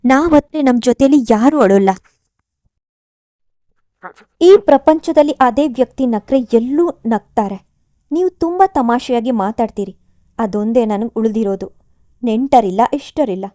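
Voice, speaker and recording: A woman's voice: fairly high pitch, moderate pace, dark tone, dry recording, clean studio sound, natural voice. A woman reading as a grieving young man. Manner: pleading, emotional.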